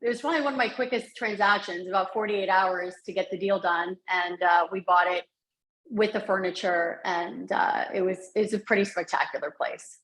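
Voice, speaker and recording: A woman real estate agent talks in an upbeat, chatty way as a guest on a remote call. Her voice sits mid-pitch. She is in a bare office, so every word rings out with a big hall-like echo. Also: fairly even intonation, normal speed, a bit bright. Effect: strong room echo, like reverb in a big empty hall. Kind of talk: casual interview storytelling. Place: sparse, newly taken-over office. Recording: echoey reverberant room sound.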